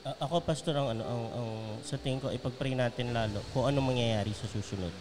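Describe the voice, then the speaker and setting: A man's voice: medium pitch, quick pace, a little mellow, a little hiss or hum. Man explaining with many examples. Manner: explains by examples and checks in with "okay?". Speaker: pastor. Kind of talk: casual chat.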